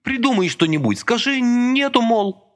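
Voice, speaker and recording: A man's voice: very high-pitched, very animated, normal speed, pitched above the performer's own voice. A man doing a meek, pleading young woman. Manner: soft, pleading, helpless.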